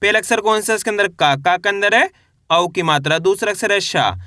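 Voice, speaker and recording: A man teaching a Hindi reading lesson, spelling words out slowly syllable by syllable and repeating each word, while encouraging viewers as friends. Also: sits high, pushed and bright, dry recording, clean studio sound. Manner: slow syllable-by-syllable, repetitive drilling.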